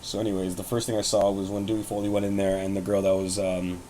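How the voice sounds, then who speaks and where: A man's voice: sits low, monotone, quick pace, warm tone, a little hiss or hum, poor audio. A young man hosting his own show, talking casually and bluntly about wrestling, rambling with fillers and swearing. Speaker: host. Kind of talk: casual wrestling commentary vlog.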